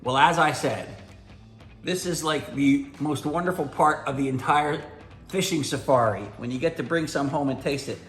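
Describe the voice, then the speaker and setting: A man's voice: on the high side, moderate pace, fairly bright tone, roomy sound, soft background music. A middle-aged man hosting a casual vlog, tasting a meal he cooked, with a folksy, enthusiastic manner. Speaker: host.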